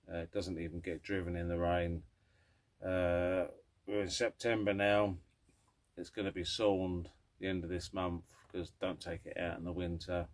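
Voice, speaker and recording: A middle-aged man who hosts a car vlog, chatting casually and rambling in a low-key, grumpy old man manner. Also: level tone, normal speed. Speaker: host of a classic car vlog.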